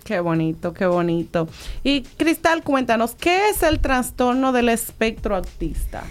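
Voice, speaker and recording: A woman's voice: a little high, very animated, measured pace, soft background music. A woman hosting a panel, introducing guests with many hesitant fillers. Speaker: host.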